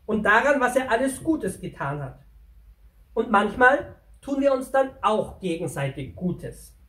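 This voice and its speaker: The friendly male pack donkey, brought to life by a kids' storyteller, talks chattily and directly to the children in a medium-pitched, very animated, slightly bright voice. He doesn't hurry. The sound is roomy and distant, as if recorded away from the mic.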